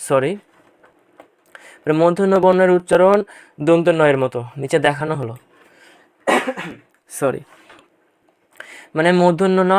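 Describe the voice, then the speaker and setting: A man's voice: on the high side, clear, resonant tone, no room sound, studio quality. A man teaching a pronunciation lesson to students, patiently repeating each example word and stressing the points that often come up in exams. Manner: addresses students directly, stresses what is important. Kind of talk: exam-prep lesson on Bangla pronunciation.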